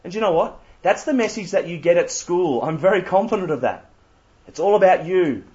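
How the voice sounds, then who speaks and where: A man's voice: high voice, animated, brisk, darkish tone. A young Australian man giving an interactive church talk, quizzing the audience with playful asides. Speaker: youth speaker. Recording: slightly muffled lo-fi recording.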